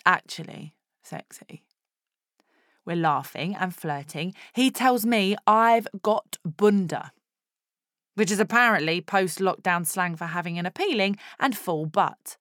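Actress as frank, cheeky Essex woman, thirties, colloquial dramatic monologue, measured pace, dry studio-like sound. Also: lowish voice, fairly bright tone, no echo. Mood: wry, confiding. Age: 30s. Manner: colloquial, frank, wry asides. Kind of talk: scripted first-person dramatic monologue.

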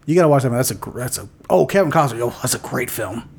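A man's voice: mid-range voice, animated, fast, creaky, slight background noise. A man co-hosting a podcast, chatting casually and enthusiastically about movies, with lots of fillers and restarts. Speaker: podcast co-host. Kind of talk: casual movie-review chat.

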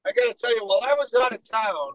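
High-voiced middle-aged man joking around. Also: big pitch swings, quick pace, no echo, muffled recording. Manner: joking, playful, with hesitant restarts. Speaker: podcast co-host. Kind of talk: casual chat.

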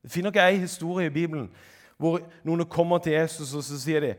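A man preaching a sermon, reading Bible passages aloud and acting out the voices in them. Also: steady tone. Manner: reads scripture aloud, acting out voices with raised pitch.

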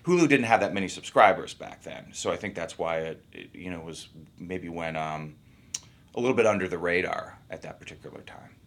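A man who is an actor, talking about his work in a relaxed, rambling interview. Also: low-pitched, brisk. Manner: easygoing, rambling, thinks aloud. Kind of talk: casual interview talk.

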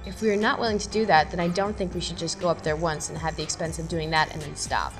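A woman presenting a weekly news segment, reading scripted odd stories with a brisk, wry delivery. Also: fairly low pitch, steady tone. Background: music.

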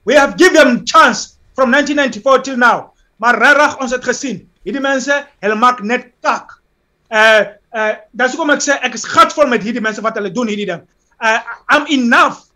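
A South African man speaks passionately as an activist guest in an interview. His very high-pitched, sharp voice comes out halting and emphatic, and he often repeats himself.

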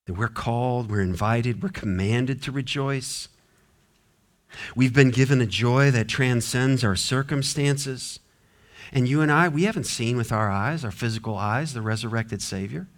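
A man's voice: medium pitch, measured pace. A man preaching a sermon as pastor, emphatic, his voice rising and dropping sharply. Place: church sanctuary.

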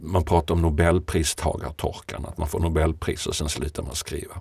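A poet appearing as a podcast guest speaks in a very deep, gravelly, husky, darkish voice with a steady tone. The slow, reflective conversation sounds close and dry with no echo, and he laughs often between musing thoughts.

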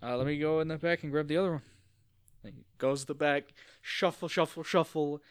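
A man with a smooth, fairly high voice runs a tabletop game as game master. He improvises narration casually, joking and swearing. The recording is close and dry. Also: fairly even intonation, brisk, dry recording.

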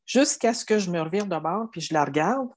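Brisk, with lively intonation and a fairly low pitch, a woman in her 70s from Quebec recounts her life as an interviewee. Her Québécois French accent colors her earnest, reflective storytelling, which is full of restarts and "tu sais."

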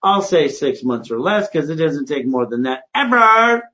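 An older man, a credit consultant, giving an emphatic, preachy motivational monologue that swings between loud and hushed. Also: medium pitch, expressive, normal speed, dull audio.

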